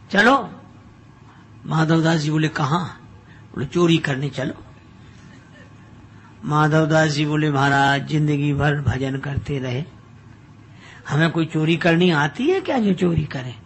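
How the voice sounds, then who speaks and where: An older man giving a humorous devotional discourse, telling a story and acting out its characters' dialogue with shifting loudness. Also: high voice, vocal fry, husky. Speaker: spiritual discourse speaker.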